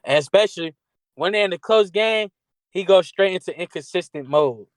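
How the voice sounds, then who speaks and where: A man's voice: high voice, moderate pace. A man co-hosting a sports podcast in loose, slangy casual talk, often restarting his sentences. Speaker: podcast co-host.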